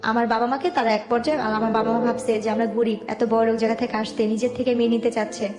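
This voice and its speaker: A young adult Bangladeshi woman with a Dhaka accent tells her own life story in colloquial, detailed conversation. Her voice sits fairly high, with a flat delivery and a quick pace. The recording sounds roomy, with background music underneath.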